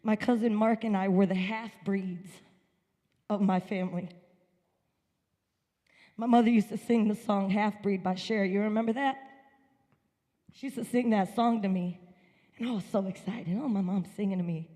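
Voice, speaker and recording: A woman's voice: mid-range voice, steady tone, normal speed, long pauses, dark tone, in a large hall. A woman from upstate New York giving an earnest, emphatic personal testimony at a church service. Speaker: guest speaker at a church service. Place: church sanctuary.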